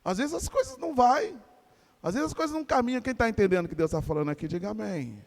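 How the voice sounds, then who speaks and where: A Brazilian pastor with a high voice preaches fast to his congregation in a church with big-room acoustics. Speaking with a Brazilian Portuguese accent, he preaches animatedly, asking questions and urging the crowd to answer back.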